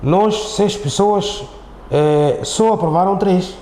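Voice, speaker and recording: A middle-aged Islamic teacher with a Mozambican accent, interviewed as a guest, takes it slowly in a high-pitched voice with a dark tone. He talks conversationally, repeating himself and often ending on tag questions. Roomy echo and faint background noise mark the echoey studio recording.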